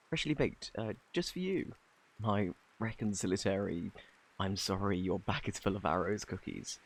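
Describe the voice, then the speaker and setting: A man with a British accent playing a flirty, bashful, kindly Cupid in an intimate ASMR romance roleplay, softly spoken, stammering and flustered. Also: on the low side. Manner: flustered, stammering, halting, apologetic.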